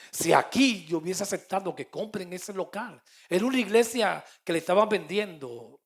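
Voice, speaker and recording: A middle-aged man with a Puerto Rican accent, a pastor preaching a sermon and telling stories, moving between loud and soft. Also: a little high, vocal fry. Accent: Puerto Rican Spanish. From Puerto Rico. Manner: storytelling with quoted dialogue, swings between loud and soft.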